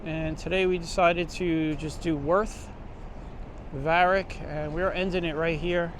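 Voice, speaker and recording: A man's voice: a little high, fairly even intonation, measured pace. A man with a Brooklyn accent giving chatty, informal commentary as he hosts a walking tour. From Brooklyn, New York. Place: outdoors on city streets, walking. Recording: street noise, traffic and vehicles. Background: street ambience and vehicles.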